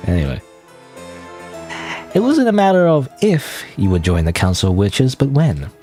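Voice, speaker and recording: Animated man reading a game. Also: medium pitch, unhurried, soft background music. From Canada. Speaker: game streamer. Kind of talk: reading game text aloud with casual commentary.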